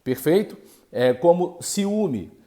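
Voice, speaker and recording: A man teaching a grammar lesson, speaking haltingly with many fillers and checks, and sounding out syllables and letters. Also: a little high, sing-song, dark tone. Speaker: Portuguese language teacher.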